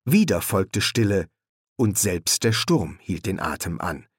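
Slow, expressive male audiobook narrator. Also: low voice, breathy edge, no echo, clean studio sound. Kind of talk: audiobook reading.

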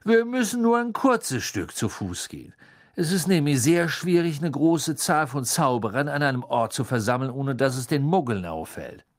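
A man's voice: mid-range voice, very animated, moderate pace, pitched above the performer's own voice, close to an everyday voice. A man voicing a kindly middle-aged father who explains things patiently. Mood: explaining.

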